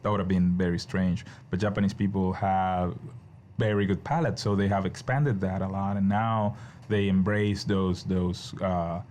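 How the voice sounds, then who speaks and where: A man from Venezuela speaks as a chef in an interview, his voice sitting very low. He explains things in a relaxed, searching way, full of little restarts. A faint hum of noise lies behind him. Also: normal speed. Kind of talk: casual interview.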